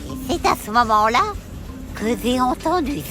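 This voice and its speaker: A woman's voice: on the high side, expressive, moderate pace, pushed and bright, soft background music. A woman voicing a cheerful, giggly female elf who tells stories to children, exclaiming often and hesitating with many fillers. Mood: excited. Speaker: children's storyteller. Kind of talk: children's story narration.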